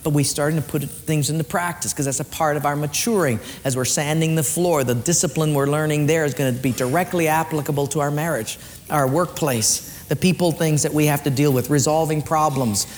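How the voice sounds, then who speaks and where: A man preaching a sermon as a pastor, swinging from loud raised lines down to quiet low ones. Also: fairly even intonation, brisk. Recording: long hall reverb, faint room noise.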